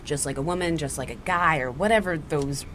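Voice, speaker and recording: A teenage young man with a boyish, cracking voice, talking candidly and haltingly about himself as a talk show guest. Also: fairly high pitch, a bit bright, a little hiss or hum. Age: teens. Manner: halting, informal, self-deprecating.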